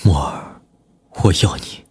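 A man voicing a jealous, possessive young man with a low, teasing tone for an audiobook. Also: slow, darkish tone, lightly acted. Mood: intimate. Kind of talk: audiobook character voice.

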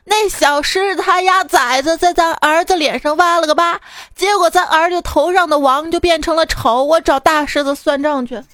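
Lady putting on a blustery tiger dad, gruff and quick to boil over. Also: very high-pitched, fairly bright tone, no room sound, voice pushed up. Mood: furious. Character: hot-tempered father tiger.

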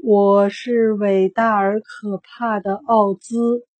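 Storybook humbug wizard, voiced by a woman: old, trembling, slow and booming, dry close sound. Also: mellow, dry recording. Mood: meek. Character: boastful old humbug wizard, shaken and meek.

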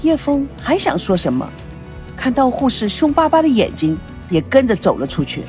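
A woman narrating a dramatic story in an expressive, animated reading. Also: a little high, normal speed, faint music behind.

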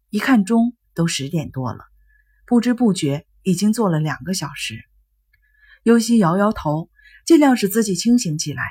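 A woman narrating a novel as an audiobook in a steady, measured reading. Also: medium pitch, slightly rough.

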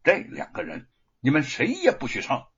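A man's voice: on the high side, huge pitch swings, fairly bright tone, husky, exaggerated voice. A storyteller voicing a stern male constable who speaks coldly and word by word, in a dull lo-fi recording. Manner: cold, measured. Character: cold stern male constable, skilled fighter.

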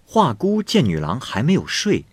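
A male storyteller retelling a classic ghost tale in plain vernacular, leisurely and expressive, doing the voices of all the characters. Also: mid-range voice, moderate pace, husky, dry recording.

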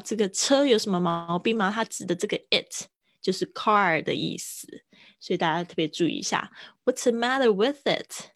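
A woman from Taiwan, teaching English pronunciation in a livestream lesson and repeating phrases slowly. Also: on the low side, a bit bright, no echo, clean studio sound.

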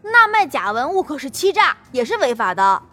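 Brief: a woman voicing a confident young boy hero, calm and sure, somewhat high. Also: normal speed, faint music behind, full character voice. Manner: calm, self-assured, righteous. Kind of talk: storybook role reading.

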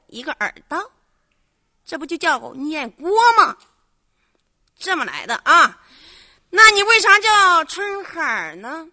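A woman's voice: high-pitched, pushed and bright, no room sound. A woman, a comic stage performer telling a bawdy story in teasing, mocking banter. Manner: teasing, mocking, brisk punchy delivery.

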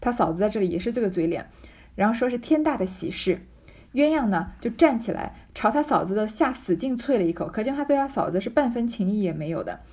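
A woman's voice: a little high, expressive, fast talker, dark tone, husky. A chatty woman explaining a classic novel. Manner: conversational, thinking aloud with fillers. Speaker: literature explainer.

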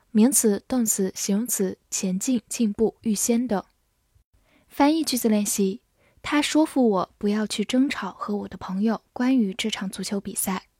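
A woman whose first language is Chinese, teaching English vocabulary in a scripted lesson, spelling words out letter by letter and reading example sentences slowly. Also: medium pitch, a little mellow, husky, dry recording, clean studio sound.

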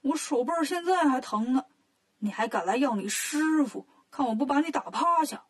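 A woman's voice: high-pitched, expressive, moderate pace. A woman voicing a boastful, threatening male fish demon king in a children's story.

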